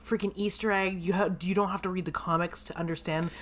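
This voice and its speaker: A woman co-hosting a podcast in casual chat, relaxed and hedging, thinking aloud with frequent "um"s. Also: lowish voice, fast talker. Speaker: podcast co-host. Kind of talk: casual show recap chat.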